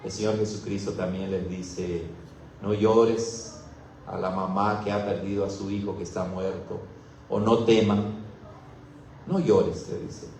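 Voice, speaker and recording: A man's voice: on the low side, fairly even intonation, a little slow, darkish tone, a little hiss or hum. A Mexican man preaching as a pastor, teaching through a Bible passage and putting questions to his congregation. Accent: Mexican Spanish. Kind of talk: expository Bible sermon. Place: church hall. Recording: very echoey room, mic far off.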